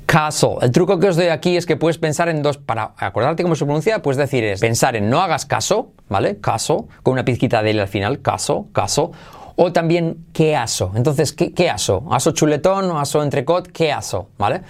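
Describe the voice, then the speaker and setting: Man, English pronunciation teacher, fairly high voice, lively and repetitive. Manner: lively, repeats English phrases slowly for practice. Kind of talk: online English lesson in Spanish.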